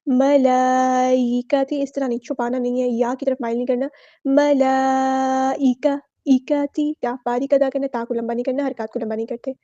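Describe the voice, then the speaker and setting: A woman with a Pakistani Urdu accent teaching Quran recitation rules word by word, chanting each word slowly, then explaining it briskly. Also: sits high, steady tone, dark tone, no room sound, dull audio. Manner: slow drawn-out recitation alternating with brisk explanation.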